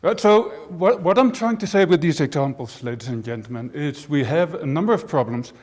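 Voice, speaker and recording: This is a fairly quick, animated male voice pitched on the high side with a slightly mellow quality. He is a university professor raised in the Netherlands, delivering a chatty conference talk with dry jokes and asides. The big auditorium lends a long hall reverb.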